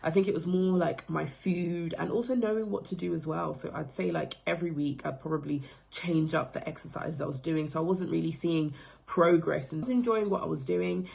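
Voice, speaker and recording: A woman in her thirties from the Democratic Republic of Congo gives a casual, reflective testimonial about being coached. Her voice is low, gravelly, and darkish, at a normal speed, and her phrasing is loose and full of fillers.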